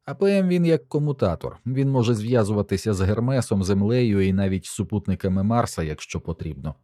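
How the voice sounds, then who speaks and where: A man's voice: on the low side, animated, fairly quick, warm tone, no room sound, studio quality, voice pushed up, lightly acted. A man voicing an eager, nerdy male engineer who explains technical details keenly. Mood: explaining.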